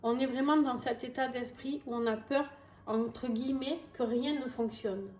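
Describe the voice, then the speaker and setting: A woman with a southern French accent and a fairly high, darkish-toned voice speaks at normal speed. She's a tarot reader giving a chatty, reassuring casual reading to camera, full of fillers and asides, recorded in an echoey room with faint music.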